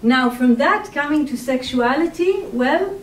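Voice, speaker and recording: A woman from Israel with an Israeli accent, a therapist speaking to an audience in a reflective, hesitant way with many pauses. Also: high-pitched, expressive. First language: Hebrew. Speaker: sex and relationship therapist. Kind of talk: personal talk to an audience. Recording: distant mic in an echoey room.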